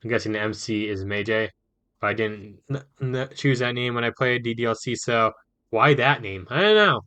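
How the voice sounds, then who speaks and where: A man reading a visual novel aloud as a gaming YouTuber, with casual, quick reactions and asides. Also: mid-range voice, pushed and bright, no room sound.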